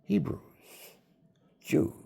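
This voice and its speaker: This older man draws out his words in a dark-toned voice as he spins a rambling monologue of personal stories. He chats right to the viewers and acts out quoted voices.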